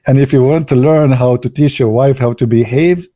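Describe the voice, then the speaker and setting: Playful joking man with a mellow voice. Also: medium pitch, no room sound, studio quality. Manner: playful, teasing, non-native English phrasing. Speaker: video commentator. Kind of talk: joking commentary.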